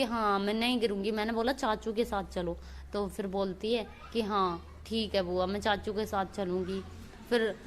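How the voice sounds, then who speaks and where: A woman's voice: mid-range voice, slight background noise. A young woman vlogging in a casual, chatty way, retelling family exchanges while walking outdoors on a village farm path. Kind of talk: casual vlog narration.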